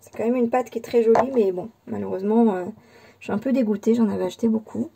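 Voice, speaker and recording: A woman's voice: a little high, quick pace, creaky, noisy background. A woman casually presenting a handmade scrapbook album, hesitant and full of fillers and restarts. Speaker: scrapbooking channel host. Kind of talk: casual crafting show-and-tell.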